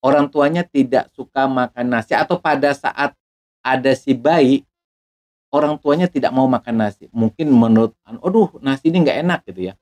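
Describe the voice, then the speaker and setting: A man's voice: medium pitch, normal speed, darkish tone. A man, a doctor and hypnotherapist, giving an educational talk to camera. He explains patiently and briefly acts out things parents say.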